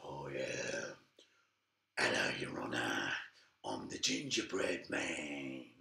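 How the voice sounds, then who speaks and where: A man voicing a cigar-smoking gingerbread man in a pinstripe suit, with a very low, gruff, drawling voice. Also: big pitch swings, slow pace, pushed and bright, reverberant, full character voice. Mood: shifty.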